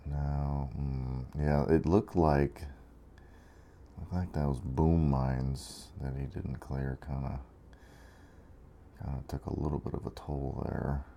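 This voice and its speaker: A man's voice: extremely low pitch, flat delivery, takes it slowly, vocal fry, warm tone, slight background noise. A tired man giving laid-back, rambling commentary over a strategy game, with frequent fillers. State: tired after being awake 23 hours. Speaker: gameplay commentator.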